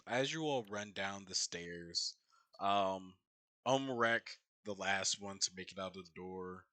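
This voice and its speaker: A man narrating a tabletop game as game master, improvising haltingly. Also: low-pitched, sharp tone, dry recording.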